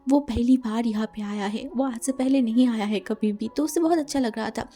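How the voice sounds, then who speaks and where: A woman's voice: on the high side, fairly quick, warm tone, soft background music. A woman casually retelling a fan fiction story, mixing in English words and acting out the dialogue.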